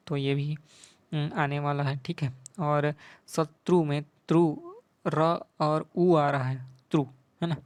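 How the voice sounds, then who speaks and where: A male tutor talks through quiz answers in an even, level voice that barely rises or falls. He keeps checking in with the listener after each point. The sound is close and dry, with no room echo. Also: a little high. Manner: repeats "ठीक है" and "है ना" often. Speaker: teacher.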